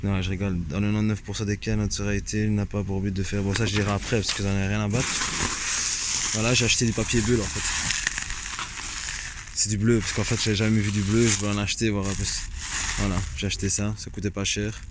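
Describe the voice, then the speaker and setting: A rather low-voiced man with a Belgian French accent rambles through an unboxing outdoors, joking and tossing in "hop" and "hein" as he goes. Loud wind and open-air noise wash over the recording. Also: little pitch movement, fast. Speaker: vlogger. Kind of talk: casual unboxing chat.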